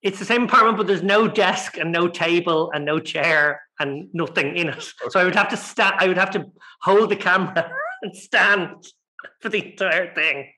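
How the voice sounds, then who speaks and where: A man's voice: high voice, moderate pace, sharp tone. A man hosting a podcast in an upbeat, playful way, with the big echo of a large empty tiled room. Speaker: podcast host.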